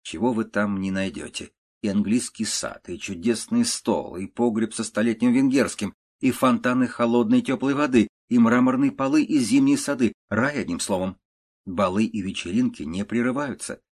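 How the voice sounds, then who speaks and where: A man narrating a classic prose story in a measured, even audiobook reading. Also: lowish voice.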